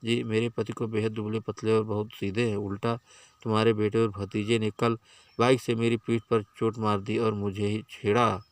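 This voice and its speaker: A man's voice: lowish voice, flat delivery, normal speed, no echo, natural voice. A man voicing a young village wife who scolds and defends her husband. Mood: scolding. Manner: scolding, reproachful.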